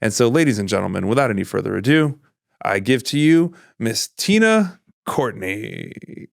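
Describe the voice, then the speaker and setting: A man's voice: lowish voice, sing-song, normal speed, vocal fry, dry recording, studio quality. A man hosting a casual podcast interview, rambling and restarting his sentences, often laughing. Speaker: podcast host.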